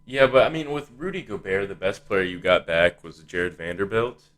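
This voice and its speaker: Low-voiced man talking sports casually. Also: normal speed, fairly bright tone. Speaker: podcast host.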